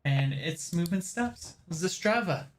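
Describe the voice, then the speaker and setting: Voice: medium pitch, animated, measured pace, background noise. A game master refereeing a tabletop role-playing session in a casual way, with music behind.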